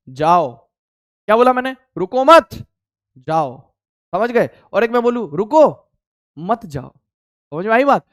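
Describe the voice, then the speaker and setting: A man's voice: high voice, smooth, no room sound, studio quality. A male physics teacher giving a casual classroom lecture in Hindi mixed with English, asking questions and then answering them himself. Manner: voices a student's replies to himself.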